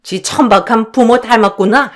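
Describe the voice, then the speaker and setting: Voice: medium pitch, moderate pace, voice pushed up, close to an everyday voice. A woman voicing a haughty middle-aged mother-in-law who speaks with sneering contempt in a radio drama. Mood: scornful.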